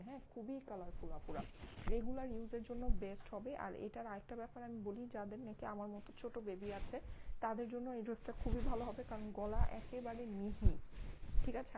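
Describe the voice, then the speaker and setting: A young Bangladeshi woman talking quietly through a live online clothing sale, showing each dress and repeating her praise while her baby sleeps nearby. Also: mid-range voice, noisy background. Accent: Bangladeshi Bengali. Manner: hushed so as not to wake a sleeping child. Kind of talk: Facebook live sales pitch.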